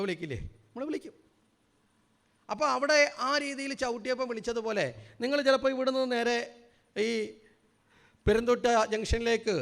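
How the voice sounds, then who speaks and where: A man giving a spiritual talk to a gathering, often asking the audience questions and slowing down to stress key words. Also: high voice, fairly bright tone, big-room sound. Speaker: spiritual speaker.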